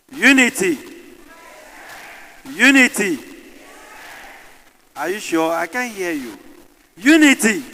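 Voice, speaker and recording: A man with a Ghanaian accent moderating a conference panel, rousing the audience and calling for responses. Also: fairly high pitch. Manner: rousing, calls for crowd responses. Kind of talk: conference address. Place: large conference hall. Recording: echoey hall with faint room noise.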